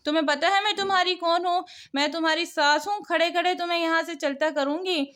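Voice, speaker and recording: A woman voicing a stern, quick-tempered older mother-in-law in a cartoon story. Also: very high voice, fairly even intonation, a bit bright. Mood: angry.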